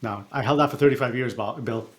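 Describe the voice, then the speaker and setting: A middle-aged man, a coach and podcast guest, telling a personal story in a reflective, halting way with fillers and restarts. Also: mid-range voice. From born in Africa, raised partly in Canada.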